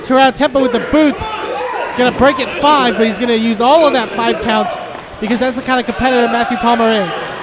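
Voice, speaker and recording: Male wrestling commentator, very high voice, excitable play-by-play, shouted move calls, loud crowd. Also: a little fast. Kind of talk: live pro wrestling commentary. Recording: noisy live arena with loud crowd. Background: loud crowd and venue noise.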